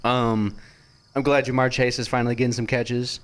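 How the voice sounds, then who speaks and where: A young man co-hosting a sports podcast, chatting casually, joking and rambling with quick laughs. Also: mid-range voice, flat delivery, clean tone. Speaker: podcast co-host.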